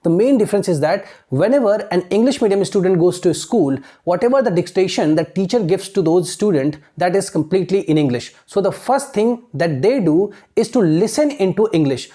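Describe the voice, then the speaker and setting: A woman giving an exam-prep lesson in a mellow, warm voice. She reads English phrases slowly, then explains them at a quicker pace. She keeps asking rhetorical questions and checking that her listeners follow. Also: medium pitch. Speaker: teacher.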